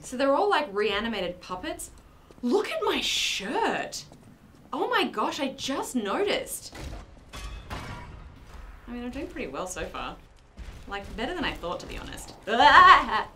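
This young New Zealand-raised gaming host speaks slowly with long pauses, her slightly high voice very animated, pushed, and bright, with slight background noise. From a small decorated room, game music behind her, she chats casually through a let's-play, self-mocking and exclaiming at what happens.

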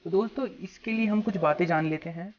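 A man's voice: high-pitched, brisk, lo-fi sound. A young man from India hosting his own channel, explaining a topic straight to camera in an instructive way, recorded on a clip-on mic in a small room. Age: young adult. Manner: instructive, addresses viewers as friends. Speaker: YouTube channel host. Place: small room before a plain backdrop. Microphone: small clip-on mic on shirt.

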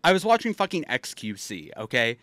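A young man giving casual, animated livestream commentary as a streamer, blurting short reactions and repeating himself on a close desk mic. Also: medium pitch, brisk, no echo. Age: young adult. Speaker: streamer reacting to meme videos. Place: small room at home, indoors. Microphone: close desk microphone.

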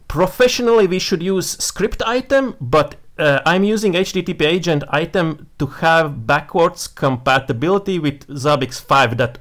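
A young native Latvian speaker with a Latvian accent, presenting software tutorials, walks viewers through a setup over screen share from a small room. His voice sits on the high side, and his delivery is full of fillers and restarts.

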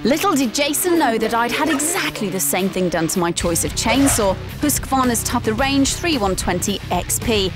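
A young woman co-presenting a TV gadget show and narrating it in a bubbly, excited way. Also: fairly high pitch, moderate pace, few pauses. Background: backing music.

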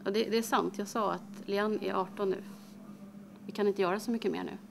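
An actress playing a middle-aged grieving mother, speaking haltingly with many pauses in a dramatic monologue. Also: medium pitch, fairly even intonation, vocal fry, a little hiss or hum, close to an everyday voice. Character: grieving mother, middle-aged, recalling her daughter's death.

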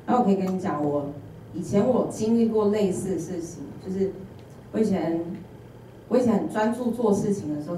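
A woman's voice: lowish voice, slight background noise. A woman with a Taiwanese Mandarin accent giving a sermon as an intern preacher, telling humorous personal stories and acting out bits of dialogue. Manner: animated storytelling with humorous personal anecdotes and acted-out dialogue. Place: church sanctuary. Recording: echoey church hall, voice from a distance.

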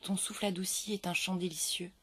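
A woman voicing a gentle, pleading female rose in a storybook reading, speaking softly and tenderly. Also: lowish voice, flat delivery, fairly quick, noisy background, close to an everyday voice.

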